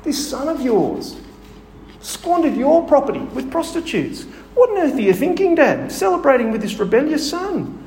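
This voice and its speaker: Bitter older son, indignant and loud, put on by a preacher; slightly gravelly. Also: male voice, very high-pitched, big pitch swings, moderate pace, echoey room, in a large hall, a little hiss or hum, pitched above the performer's own voice, exaggerated voice. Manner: indignant, raised voice. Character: resentful older son, young man, bitter.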